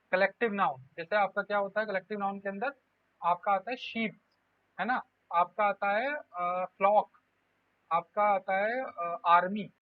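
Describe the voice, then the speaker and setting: A man's voice: high voice, pushed and bright, no room sound. A man teaching an exam-prep grammar lesson, explaining step by step and voicing his students' questions. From India. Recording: tinny phone-like audio, dry.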